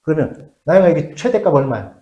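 A middle-aged math tutor with a fairly high voice talks fast while teaching a class in an echoey room, and the recording's highs are cut off. He's lively, asks checking questions, and drops to mutters as he writes on the board.

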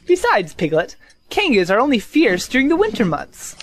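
A woman playing a bossy, self-important, scheming rabbit in a children's audio drama, lecturing briskly and impatiently. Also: fairly high pitch, wildly swooping pitch. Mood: commanding.

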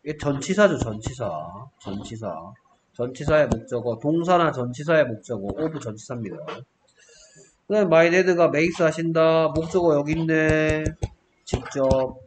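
A man's voice: fairly high pitch, a little slow, slight background noise. A man teaching English grammar exercises, working through each answer and often checking in with rhetorical questions.

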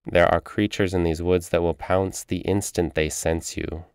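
A man reading the part of an aloof, ageless female witch, speaking slowly and tersely. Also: sits low, flat delivery, smooth, no echo, studio quality. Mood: cold, curt.

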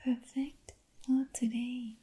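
Woman acting a slow soft-spoken Vietnamese-accented princess, ASMR role-play. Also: a little high, little pitch movement. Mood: gentle, attentive. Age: young adult. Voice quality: soft, breathy soft voice. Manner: slow, soothing, attentive, halting short phrases. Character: gentle young Vietnamese princess doing a makeover.

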